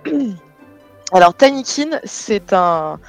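A woman's voice: medium pitch, normal speed, a little mellow, faint music behind. A woman, a guest game developer, speaking casually and modestly, often laughing and hesitating. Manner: modest, laughs easily, filler-heavy. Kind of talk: casual conversation.

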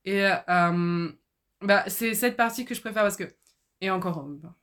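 A woman's voice: mid-range voice, moderate pace, a bit bright. A young woman co-hosting a casual podcast, talking enthusiastically with lots of fillers. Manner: enthusiastic, gushing, many fillers. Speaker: podcast co-host. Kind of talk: casual chat about books.

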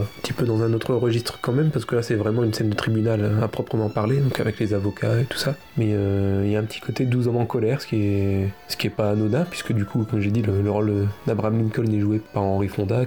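A man talks through a film review in a casual, unscripted way. His voice is mellow and of average pitch, and he repeats words while finding his phrasing. There is faint music behind him.

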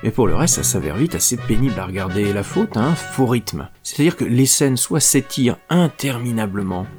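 A man's voice: medium pitch, sing-song, brisk, darkish tone, soft background music. A man giving a comic spoken film review in a sardonic, exasperated manner.

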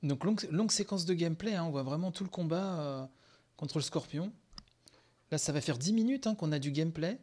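A man hosting a podcast, reacting live to a game conference, excitable and gushing, with many fillers and sighs, tired from sleepless nights. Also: a little high, a little fast. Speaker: podcast host.

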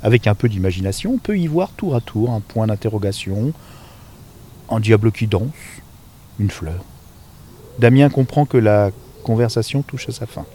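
A man calmly reading a novel aloud outdoors, his voice dropping soft and quiet at the ends of phrases. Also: on the low side, normal speed, slight background noise. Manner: calm, intimate narration with soft, quiet trailing endings. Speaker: reader. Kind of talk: audiobook-style reading of a novel. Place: outdoors in nature.

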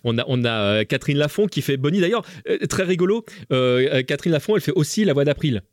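A man's voice: a little high, animated, fast talker, no room sound, clean studio sound. A man in his thirties chatting eagerly on a podcast, stammering through restarts and laughing often. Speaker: podcast guest. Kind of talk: casual chat.

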